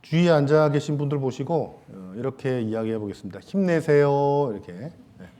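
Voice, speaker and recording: A male pastor giving a Sunday sermon in a church, talking casually and joking with the congregation, with many soft fillers and trailing pauses. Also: mid-range voice, animated. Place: church sanctuary.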